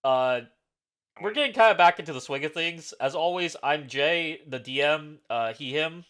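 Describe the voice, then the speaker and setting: Guy running the tabletop game, laughing and swearing a lot, kinda high voice. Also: normal speed, a bit bright, smooth. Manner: laughing, joking, swearing freely. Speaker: game master. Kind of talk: casual banter before a tabletop game.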